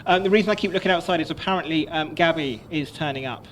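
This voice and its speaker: A man's voice: a little high, fast talker, fairly bright tone, a little hiss or hum. A man hosting a casual podcast, teasing his co-hosts with dry humour. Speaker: host.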